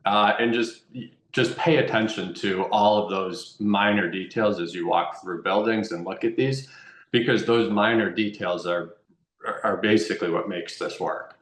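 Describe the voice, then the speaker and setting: A man with a lowish voice speaks at a moderate pace as a guest expert on real estate investment. He explains things informally and repeats phrases for emphasis, and the recording sounds roomy and echoey.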